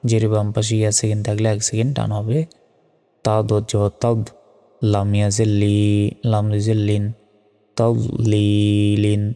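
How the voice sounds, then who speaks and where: A man teaching Quran recitation step by step. He spells out Arabic syllables slowly and patiently, and chants the verses slowly and melodically. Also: fairly low pitch, completely flat delivery, mellow, in a large hall.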